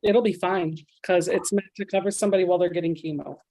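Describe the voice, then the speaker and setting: A woman's voice: lowish voice, fairly even intonation, fast talker, warm tone, no room sound, rough recording. A woman in a casual sewing chat, matter-of-fact as she explains her quilting plans. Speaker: quilter co-host.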